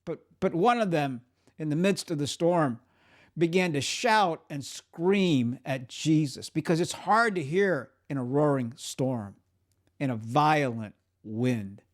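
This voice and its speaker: A man preaching a sermon, telling the story dramatically and swinging from urgent, raised lines to hushed, quiet ones. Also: on the high side, takes it slowly. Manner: dramatic storytelling, acts out quoted voices.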